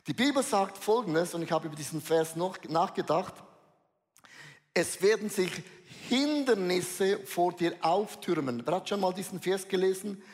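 High-voiced preacher with long hall reverb. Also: male voice, expressive, normal speed. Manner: emphatic, repeats key phrases and speaks to the audience directly. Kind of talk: sermon.

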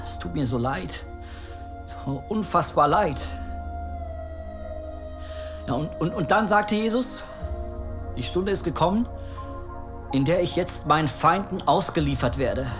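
A man's voice: on the high side, lively intonation, unhurried, pauses often. An actor playing a remorseful male disciple, telling his story in an earnest staged monologue. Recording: music playing underneath.

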